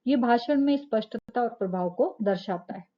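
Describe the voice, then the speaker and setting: A woman's voice: a little high, expressive, moderate pace, highs cut off. A woman teacher giving a lecture, explaining step by step, asking rhetorical questions and checking in with "ठीक है". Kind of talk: classroom lecture.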